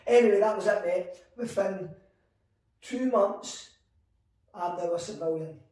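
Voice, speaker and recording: A man in his forties telling his story in an interview, animated and acting out quoted conversations. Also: high-pitched, measured pace. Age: 40s. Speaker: guest entrepreneur. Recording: echoey room, mic at a distance.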